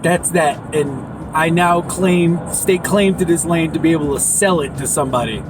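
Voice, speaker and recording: Documenting his land purchase on vlog, a slightly high-voiced man chats to the camera at normal speed while background noise carries on. His talk is loose and rambling, laced with jokes and wordplay.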